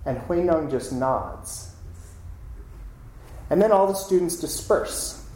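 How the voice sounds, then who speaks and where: A playful male storyteller who tells the tale casually and acts out each character as he goes. His voice is a little high and moves up and down in a very lively way. The room he is in is echoey. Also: slow pace. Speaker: storyteller, teacher.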